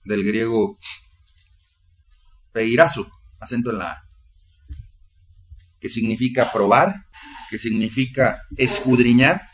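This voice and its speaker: A man's voice: medium pitch, measured pace, pauses often, a bit bright, slight background noise. A man, preaching a sermon and leading prayer in an earnest, repetitive way.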